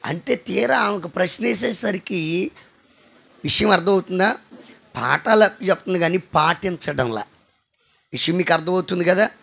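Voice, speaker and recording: Gravelly, bright-voiced animated preacher man. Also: high voice, moderate pace, long pauses. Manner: animated storytelling with shouted emphasis; asks the congregation to respond. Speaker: pastor. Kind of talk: sermon.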